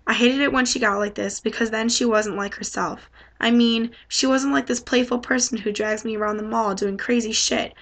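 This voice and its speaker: A woman with a fairly high voice reads a novel passage aloud. Her voice carries a gravelly vocal fry. The reading is plain and unhurried, and she shifts easily into relaxed comments on what she read. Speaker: student reader.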